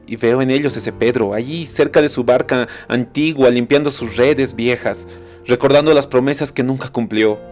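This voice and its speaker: A man preaching a recorded sermon, telling a story dramatically, slowing down for emphasis and speaking earnestly to the listener. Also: mid-range voice. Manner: addresses the listener directly and earnestly. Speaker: pastor. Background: soft instrumental music.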